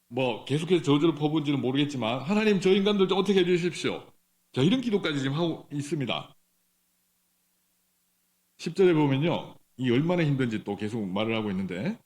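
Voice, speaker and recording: In a church sanctuary, a middle-aged pastor preaches a sermon in a conversational style, posing questions to the congregation and sometimes stopping to restart. His voice is medium-pitched with a darkish tone.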